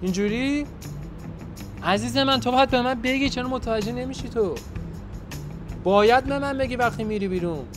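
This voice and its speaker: A man's voice: extremely high pitch, pauses often, music in the background. A man hosting a hidden-camera prank, staging a furious phone call and then pleading with a stranger. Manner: fake angry phone shouting, then pleading apologies. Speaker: prankster host.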